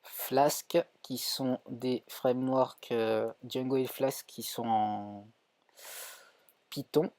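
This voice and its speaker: A man's voice: medium pitch, steady tone, drawn-out words, a little mellow, no echo. A man with a French accent teaching a live coding tutorial, thinking aloud with many fillers and self-corrections. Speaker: coding instructor streaming.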